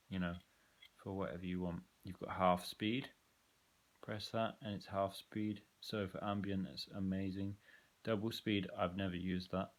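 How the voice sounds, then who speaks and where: A man with a fairly low voice talks through his effects pedals at a slow, easy pace. He rambles, fills gaps with ums, and gives blunt, offhand opinions. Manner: loose and rambling, frequent ums, candid opinions. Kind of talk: casual gear walkthrough.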